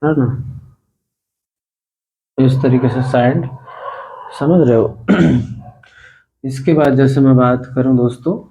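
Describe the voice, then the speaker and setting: A man teaching an English pronunciation lesson, explaining slowly, repeating words for emphasis and often clearing his throat. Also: mid-range voice, warm tone, low-quality recording. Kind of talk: spoken language lesson.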